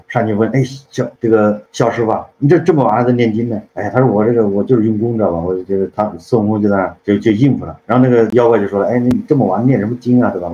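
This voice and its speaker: A man's voice: on the low side, dark tone. A man retelling a classic tale in a chatty, casual way, often checking in with the listener. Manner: chatty, keeps asking "you know?". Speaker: storyteller. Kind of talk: casual storytelling. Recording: dull lo-fi sound with faint noise.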